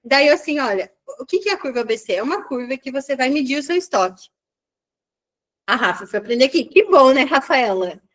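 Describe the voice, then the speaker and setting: A woman business mentor with a Brazilian Portuguese accent, giving an online mentoring session in a chatty, animated style full of quick asides. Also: high voice.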